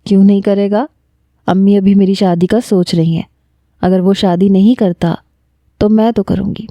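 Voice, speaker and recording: A woman's voice: mid-range voice, fairly even intonation, dry recording, muffled recording, lightly acted. A woman reading the lines of a lovestruck young woman talking to a friend on the phone, smiling and candid.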